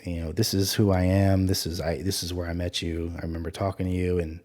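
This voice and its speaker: A man's voice: low-pitched, level tone, quick pace, darkish tone. A man hosting a podcast, telling his own story in a candid, profane, self-reflective way with lots of fillers. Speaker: podcast host. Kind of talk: casual personal storytelling.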